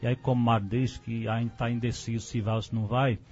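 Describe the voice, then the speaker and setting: A man stating his position firmly and at a measured pace as a guest on a radio debate. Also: mid-range voice, flat delivery, a little mellow, faint music behind. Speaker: guest commentator. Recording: dull lo-fi radio studio sound.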